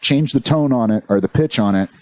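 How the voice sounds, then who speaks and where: A man's voice: mid-range voice, brisk, dry recording. A man co-hosting a podcast, rambling and swearing casually as he tells stories and acts out quotes. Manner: rambling, profane, animated storytelling; slips into quoted voices. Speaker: podcast co-host. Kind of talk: casual chat.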